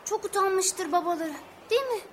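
A woman's voice: very high-pitched, expressive, moderate pace, fairly bright tone, slight background noise. A woman voicing a curious young boy who keeps asking questions, in a radio play. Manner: eager, pestering questions.

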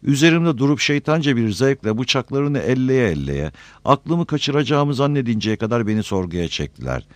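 A man voicing an exhausted, gentle male hobbit who speaks softly and tiredly in an audiobook reading. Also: medium pitch, big pitch swings, normal speed, no room sound, voice pushed up, close to an everyday voice. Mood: weary. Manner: tired, soft-spoken.

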